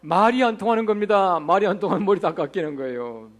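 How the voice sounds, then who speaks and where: A man's voice: sits high, lively intonation, fast. A male pastor preaching a revival sermon in a church, telling funny anecdotes and asking the congregation rhetorical questions.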